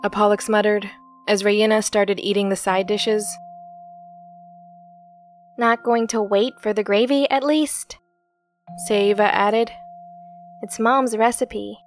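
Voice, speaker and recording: A woman narrates a story in a calm, measured way. Her voice sits in an ordinary middle range. Faint music plays quietly behind her. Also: medium pitch.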